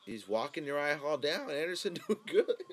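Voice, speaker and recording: Animated frat-bro guy reacting to fights. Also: a little high, normal speed. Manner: frat-bro slang, swearing, calls listener dude and bro. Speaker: fight fan commentator. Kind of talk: casual live reaction commentary.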